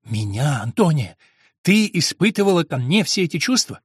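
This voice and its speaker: A man's voice: fairly high pitch, sing-song, normal speed, breathy edge, no room sound, studio quality, full character voice. A man doing a brooding, passionate monk. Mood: ardent. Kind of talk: audiobook reading.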